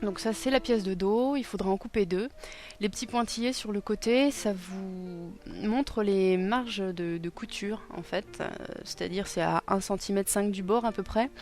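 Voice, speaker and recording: A young woman casually explaining a costume sewing project, hesitant and self-deprecating with many pauses and fillers. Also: mid-range voice, a little mellow. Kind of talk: casual tutorial narration. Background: music.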